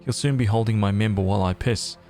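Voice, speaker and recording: A man's voice: lowish voice, quick pace, a little mellow, faint music behind, natural voice. A man reading the lines of Hode, a surly young soldier, in a video game.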